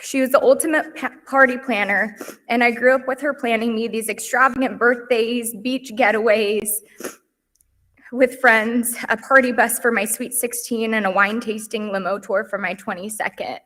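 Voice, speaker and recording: A woman's voice: on the high side, steady tone, normal speed. A young woman reading a heartfelt eulogy at a memorial service, earnest and tender. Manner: earnest and heartfelt, softening on lists. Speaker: eulogy speaker. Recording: livestream in a reverberant hall.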